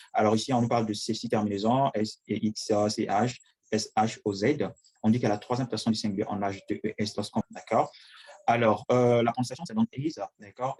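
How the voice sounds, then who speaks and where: A man explaining a grammar lesson as an English teacher, pausing often with fillers and checking in with the class. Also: lowish voice, a little mellow, breathy edge, rough recording. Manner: frequent fillers, checks in with "d'accord?".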